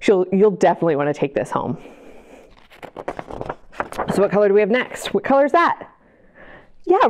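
A children's librarian with a fairly high voice reads picture books aloud at family storytime, animated and sing-song, gasping with delight and putting questions to her young listeners.

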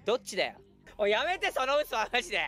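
A man giving lively live commentary while streaming a game, breaking into quick shouted reactions and laughs. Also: extremely high pitch, soft background music.

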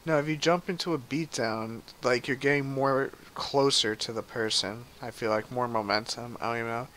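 A man talks through his live game stream in a loose, chatty way, swearing freely and answering viewers as he plays. His voice is bright and forceful, with a faint hiss behind it. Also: medium pitch, moderate pace. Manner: chatty, profane, reads chat aloud. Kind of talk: casual live gameplay commentary.

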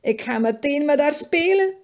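A woman voicing a spoiled, demanding little girl princess in a read-aloud storybook, high and insistent. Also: lively intonation, moderate pace, darkish tone. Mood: impatient.

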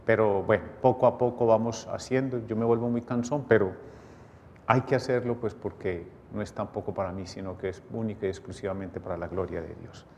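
A man's voice: fairly even intonation, fairly quick, a little mellow. A middle-aged man, a priest, leading closing prayers and a blessing at Mass and making earnest appeals. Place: small chapel studio at an altar. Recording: chapel reverb with faint rumble.

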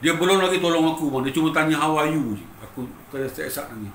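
A man's voice: a little high, fast talker, slight background noise. A middle-aged Malaysian man with a Malaysian accent, a guitarist telling his own story in an emotional, emphatic way and often addressing the listener as "bang". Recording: roomy echo with faint ambience.

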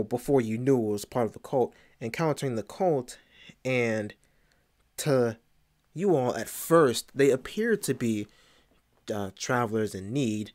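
A man narrating a tabletop role-playing game as game master, in a slow, deliberate way with pauses. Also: medium pitch, a little mellow.

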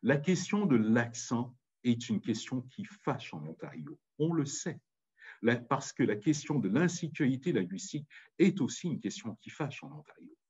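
A man from Paris with a noticeable Parisian accent delivers a public talk, pressing his points with emphatic insistence. His voice is somewhat husky and mid-pitched. The recording sounds muffled and lo-fi. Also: big pitch swings, normal speed, a little mellow. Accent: Parisian French. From France. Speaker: speaker. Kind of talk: public talk on language and community.

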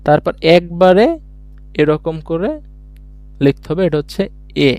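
A man's voice: on the high side, fairly even intonation, measured pace, dark tone, no echo, faint music behind. A man teaching a beginners' language lesson online, explaining each step patiently and answering his own questions as he goes. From Bangladesh.

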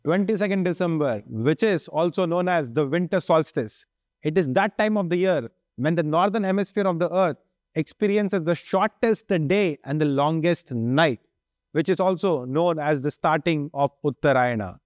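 A man's voice: fairly high pitch, normal speed, a little mellow, dry recording, studio quality. A young man with an Indian accent presenting a podcast as its host in a scripted style. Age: young adult. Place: indoor meeting room. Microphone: lapel mic.

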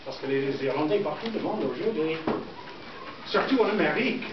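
A middle-aged man from southern England, a native English speaker with an English accent, teaching a school class in simple, halting phrases with repetitions. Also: on the high side, animated. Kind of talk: classroom lesson. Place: indoor school classroom with pupils. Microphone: distant camera microphone. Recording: echoey noisy classroom, muffled, from far off.

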